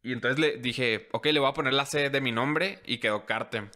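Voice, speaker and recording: A young man in his twenties with a Mexican Spanish accent, a podcast guest telling stories in a relaxed, slangy way. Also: mid-range voice, normal speed. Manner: relaxed storytelling, slangy, laughs easily. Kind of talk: casual chat.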